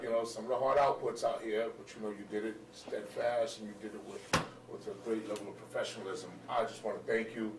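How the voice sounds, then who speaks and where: A man chairing a school board meeting, speaking in a measured way and repeating words as he searches for them. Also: lowish voice, noisy background. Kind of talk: formal board meeting remarks. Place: meeting room. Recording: echoey room mic from far off.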